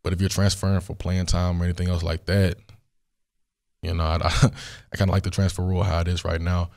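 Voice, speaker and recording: A deep, fast-talking young man hosts a one-person question-and-answer podcast from a studio. His voice is hoarse and worn while it recovers, and he rambles easily with many fillers.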